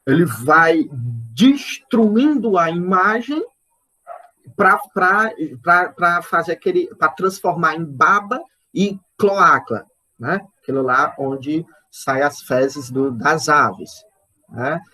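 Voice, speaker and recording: A man with a Brazilian accent giving an online poetry lecture, speaking slowly and searchingly, repeating words and checking in with his listeners. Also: on the high side, bright, forceful tone. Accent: Brazilian Portuguese. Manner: counts out poetic syllables and stresses aloud. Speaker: literature lecturer.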